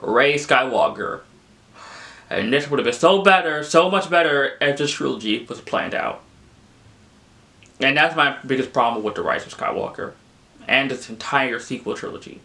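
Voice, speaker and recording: A man's voice: medium pitch, moderate pace, pushed and bright. A young man giving a casual, rambling film review, exasperated and full of "like" fillers. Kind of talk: casual spoken movie review.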